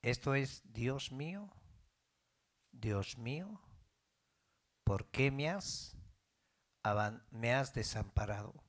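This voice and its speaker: A man's voice: mid-range voice, animated, slow, pauses often, fairly bright tone. A middle-aged man preaching a sermon as pastor, building in fervor and calling out questions to his congregation.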